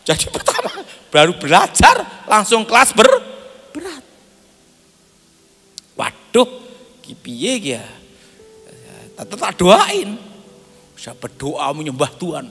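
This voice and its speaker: A man's voice: high-pitched, takes it slowly, gravelly, long pauses, breathy edge. A man preaching a sermon, telling a personal testimony and acting out the dialogue with frequent laughter. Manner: animated storyteller, acts out dialogue, laughs often. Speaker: pastor. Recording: echoey hall with faint music.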